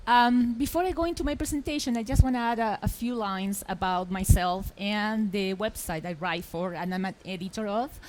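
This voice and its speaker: A middle-aged woman from Chile, giving a lively, emphatic conference presentation from a stage microphone. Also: mid-range voice, moderate pace, hardly any pauses, a little hiss or hum, poor audio. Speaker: journalist, conference speaker. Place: expo hall stage.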